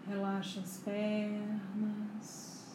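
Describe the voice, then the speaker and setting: A woman leads a guided meditation in a soothing, hushed spa manner, leaving long pauses between short phrases. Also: mid-range voice, monotone. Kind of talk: slow guided meditation narration. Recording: echoey room, faint background noise.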